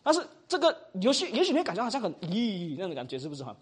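Teaching a classroom lesson, a Malaysian preaching instructor speaks Mandarin with a Malaysian accent in a high, husky voice at a very fast pace. His lively, conversational style frequently closes phrases with "哈."

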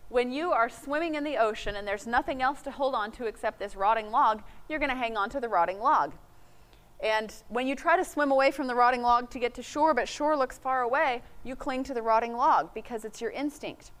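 A middle-aged woman teaching a sermon, earnest, quoting scripture and acting out quick asides. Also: a little high, fairly bright tone. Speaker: Bible teacher. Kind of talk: sermon talk.

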